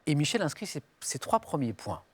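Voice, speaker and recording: A man's voice: on the high side, big pitch swings, a little fast, slightly rough. A man hosting a television quiz show, reading clues in the first person and calling on the players by name. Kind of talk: game show question reading.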